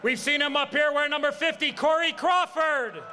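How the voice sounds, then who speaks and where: A man working as master of ceremonies at an outdoor championship rally, booming out introductions and drawing out each name he builds up to. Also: flat delivery, fast. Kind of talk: rally announcing, drawn-out player introductions. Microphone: public address microphone. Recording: loud outdoor PA with crowd noise. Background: cheering crowd.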